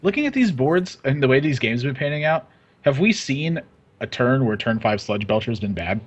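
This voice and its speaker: A man commentating a live card game match, upbeat and quick on the play-by-play. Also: medium pitch, very animated, slightly rough, highs cut off. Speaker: esports commentator.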